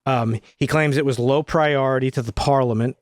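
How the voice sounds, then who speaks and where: Animated foul-mouthed podcast host man. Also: mid-range voice, moderate pace, dry recording, clean studio sound. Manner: animated, profane, laughs often. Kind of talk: casual chat.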